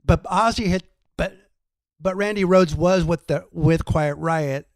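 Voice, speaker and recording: A man's voice: a little high, unhurried, no echo. A man co-hosting a podcast, chatting casually and telling jokey, wandering stories. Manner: jokey, tangential storytelling. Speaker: podcast co-host and comedian. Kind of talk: casual chat.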